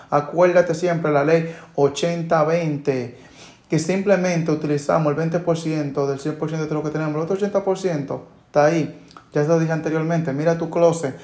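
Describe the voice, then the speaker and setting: A man's voice: fairly high pitch, a little mellow. A man giving a motivational monologue as a personal finance coach, earnest and coaching, often repeating rhetorical questions. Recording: roomy echo.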